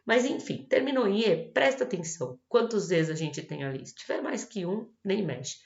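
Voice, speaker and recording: A woman's voice: mid-range voice, expressive, normal speed, creaky. A woman with a Brazilian Portuguese accent, an English teacher explaining grammar rules in a video lesson, patient and reassuring. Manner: patient, reassuring, checks in with "tá bom?". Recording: roomy, dull lo-fi recording.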